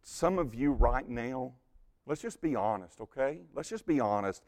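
A man preaching a sermon, telling stories with animated delivery, often repeating words as he starts a phrase and dropping to a hushed, intense tone for emphasis. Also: mid-range voice, moderate pace. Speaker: pastor.

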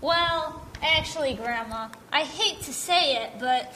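A woman's voice: high voice, a little slow, sharp tone, slight background noise. A woman playing a sassy, snappy teenage granddaughter in an amateur church skit. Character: sassy teenage granddaughter, quick to snap back.

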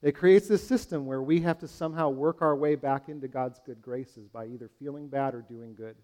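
A man's voice: mid-range voice, a little fast, darkish tone. A man preaching a sermon, earnest and searching, asking his congregation questions and addressing them as friends. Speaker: pastor.

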